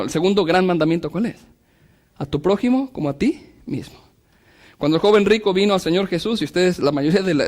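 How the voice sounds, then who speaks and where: Male pastor, high-pitched voice, preaching to a congregation with slow emphatic lines and quick asides. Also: darkish tone. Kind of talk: sermon.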